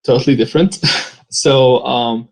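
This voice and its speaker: A man from Saudi Arabia with a Saudi Arabian accent and Arabic as his first language, giving an earnest personal testimony in an interview, pausing often with "uh". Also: medium pitch, a little mellow, low-quality recording. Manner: earnest, halting, with many "uh" pauses.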